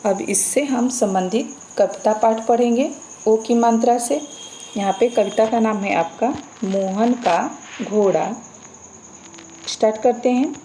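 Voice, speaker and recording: A woman teacher giving an online class to young children, reading words out slowly syllable by syllable. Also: fairly high pitch, dark tone, a little hiss or hum, rough recording.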